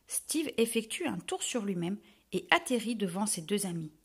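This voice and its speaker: A woman narrating a children's storybook in a lively, expressive way. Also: mid-range voice, moderate pace, husky.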